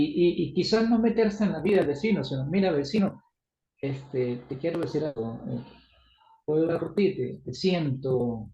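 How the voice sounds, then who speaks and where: A man's voice: mid-range voice, mellow, roomy sound, muffled recording. A man preaching on a Bible passage in a conversational way, full of restarts and tag questions, acting out little dialogues. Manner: acts out dialogue in shifting voices. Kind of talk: Bible study sermon.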